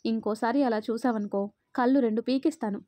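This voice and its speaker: A woman's voice: fairly high pitch, steady tone, fairly quick, no room sound, close to an everyday voice. A woman voicing a stern young husband. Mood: stern scolding. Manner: scolding, then gently consoling.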